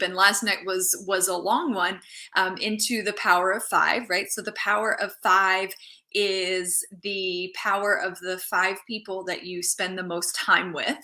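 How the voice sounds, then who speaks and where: A woman with a medium-pitched, bright and forceful voice hosts a casual live stream as a mindset coach. She chats loosely, restarts phrases and greets viewers as they join.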